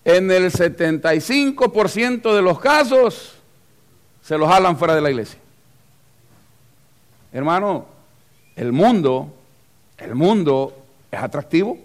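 A man preaching a lively sermon in church as pastor, acting out little scenes and asking the congregation questions. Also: sits high, slow, pauses often. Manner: animated, acts out scenes and voices, asks the congregation questions.

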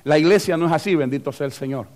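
Speaking fast, a man preaches a lively sermon to his church congregation in a high voice. As their pastor, he performs little scenes and fires questions at the people listening, all with animated energy.

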